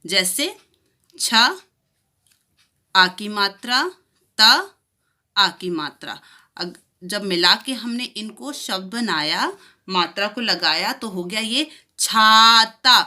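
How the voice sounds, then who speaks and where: A woman teaching a children's lesson, slowly stretching out each sound so young pupils can repeat it after her. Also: mid-range voice, bright, forceful tone. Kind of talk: primary school lesson.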